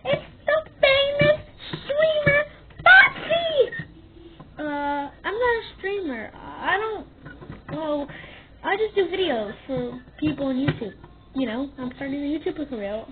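A woman's voice: sits high, normal speed, lightly acted. A woman playing a self-important young female YouTuber in a comedy skit, talking in a dramatic, over-the-top, squealing way. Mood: showy. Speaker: skit performer. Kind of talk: comedy skit role-play. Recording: tinny phone-like audio with background noise.

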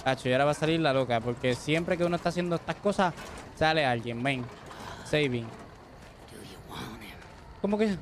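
A man's voice: fairly high pitch, fast, a little hiss or hum. A man giving live gameplay commentary as a streamer, joking, tossing in English words and yelping when startled. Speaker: gaming streamer.

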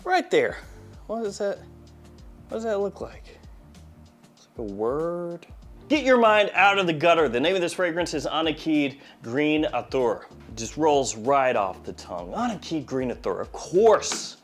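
This forties-aged fragrance reviewer has a fairly high voice and a slight head cold, and he's very animated even though he speaks a little slowly. Faint music plays in his small indoor studio as he delivers a casual, joking review full of wry asides.

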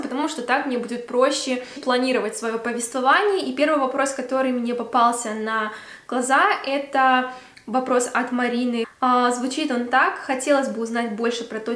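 A 25-year-old Belarusian beauty vlogger talks casually to camera in a Q&A vlog, sitting in a room at home by a Christmas tree. She's chatty and uses many fillers; her voice is fairly high and fairly bright, in an echoey room.

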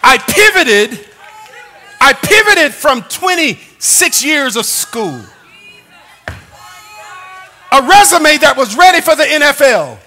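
A man in his sixties preaching a sermon as pastor in a church sanctuary, with humor, shouted emphasis and call-and-response. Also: extremely high pitch, very animated, slow, long pauses, some chatter behind. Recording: long church reverb.

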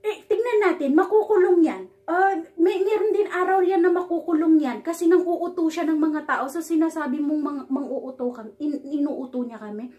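A woman's voice: very high voice, normal speed, few pauses, mellow. A woman from the Philippines vlogging a reaction, scolding and mocking with sarcasm, often stumbling and repeating words. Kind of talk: ranting reaction vlog.

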